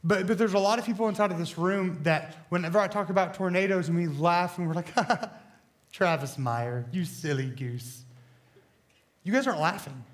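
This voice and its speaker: Here a young man, a student pastor, talks at normal speed through a light-hearted sermon in a church hall. His rambling, self-deprecating delivery is full of fillers and restarts, and his hoarse, scratchy voice, high for a man, comes from a bout of bronchitis.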